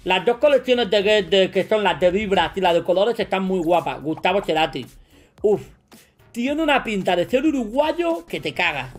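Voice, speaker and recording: A man with a Spain Spanish accent playing a quiz as a streamer, joking, boasting and breaking into shouts. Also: high voice, lively intonation, moderate pace, faint music behind. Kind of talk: casual gaming commentary.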